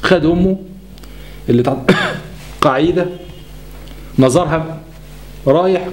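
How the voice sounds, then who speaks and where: Egyptian guy telling a family story quick, high voice, moralizing. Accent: Egyptian Arabic. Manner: lively, moralizing, acts out each person. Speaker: host. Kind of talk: storytelling monologue on family issues.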